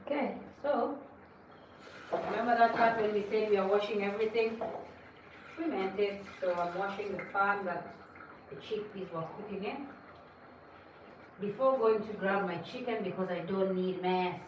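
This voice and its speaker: A woman's voice: medium pitch, normal speed, long pauses, background noise. A woman hosting a cooking livestream, chatting casually and lecturing viewers as she cooks. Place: home kitchen. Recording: echoey kitchen, mic at a distance.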